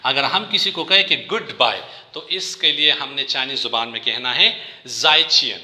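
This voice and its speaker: A man teaching a language lesson, patiently repeating each word slowly for learners. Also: medium pitch, sharp tone, reverberant.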